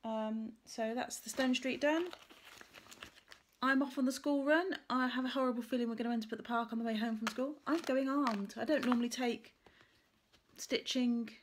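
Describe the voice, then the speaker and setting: A woman's voice: a little high, steady tone, normal speed, slight background noise. A woman vlogger chatting casually about her crafts, rambling and correcting herself as she thinks aloud. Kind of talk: casual chat to camera about stitching.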